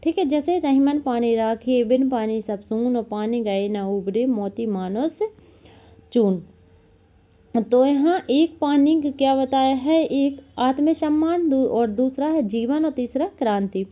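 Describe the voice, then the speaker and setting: A woman teaching a Hindi grammar lesson for exam preparation, slowly repeating definitions and examples and correcting herself. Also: high voice. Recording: tinny phone-like audio.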